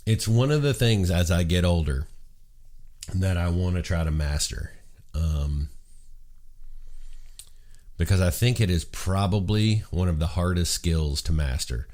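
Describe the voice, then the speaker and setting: A man's voice: deep voice, unhurried, pauses often, a little mellow. A middle-aged man hosting his own show, talking in a casual, heartfelt monologue that rambles and restarts. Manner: rambling, earnest, frequent restarts. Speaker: show host.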